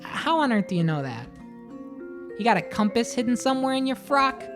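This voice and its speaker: A woman's voice: fairly high pitch, sing-song, fairly quick, music in the background, voice pushed up. A woman voicing a wry young nun who talks in a teasing, sardonic way.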